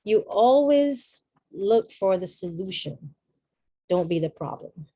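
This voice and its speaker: A woman's voice: medium pitch, expressive, slow pace, mellow, no echo. A middle-aged woman from Barbados, giving an earnest, reflective inspirational talk with chatty asides. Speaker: motivational speaker.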